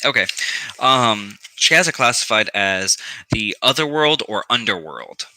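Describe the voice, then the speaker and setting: Slow, very bright-toned man rambling casually. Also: fairly low pitch, sing-song, no echo, low-quality recording. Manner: rambling, profane, many ums and restarts. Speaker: occult practice vlogger. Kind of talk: casual how-to vlog.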